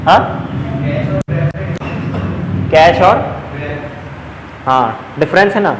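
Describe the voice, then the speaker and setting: Echoey high-voiced male tutor drilling students. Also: animated, very slow. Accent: Chhattisgarhi Hindi. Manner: drilling sentence patterns, chatty and coaxing with students. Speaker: teacher. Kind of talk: live coaching class lesson. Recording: echoey classroom, faint background noise.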